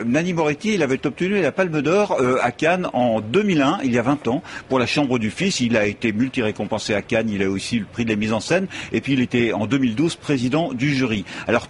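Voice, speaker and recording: Man, live news correspondent, conversational, halting with fillers, middle pitch. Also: slight background noise. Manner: hesitant, frequent fillers. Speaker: festival correspondent.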